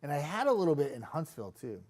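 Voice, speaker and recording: A man's voice: fairly high pitch, big pitch swings, fast, darkish tone. A young man who works as a TV meteorologist, chatting casually on a live stream, self-deprecating and laughing often. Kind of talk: casual live stream chat reading viewer comments.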